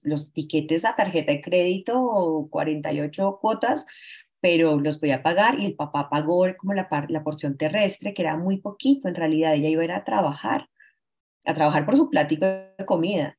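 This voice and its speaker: A woman in her forties, a guest telling a painful personal story in an earnest, halting way, often restarting her sentences. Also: low-pitched, darkish tone, breathy edge. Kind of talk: emotional personal account.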